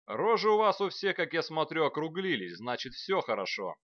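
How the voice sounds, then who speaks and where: A man voicing a gruff male mercenary commander who barks orders at a parade of troops, loud and raised in pitch, in a dry, slightly dull recording. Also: very animated, normal speed, no room sound. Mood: shouting orders. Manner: loud barking parade-ground shouting. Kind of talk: audiobook character voice.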